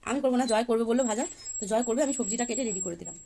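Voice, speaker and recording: A woman's voice: fairly high pitch, rapid-fire, gravelly, mellow, faint music behind. A woman vlogging from her village home, chatting to viewers as she feeds animals and cooks. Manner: chatty, explains each cooking step to viewers. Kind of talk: casual cooking vlog narration.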